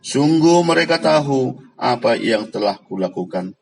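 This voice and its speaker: A man reading the words of Jesus, a calm grown man answering his accusers, in a steady, solemn way. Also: mid-range voice, a little slow, creaky, pitched below the performer's own voice. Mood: calm, firm.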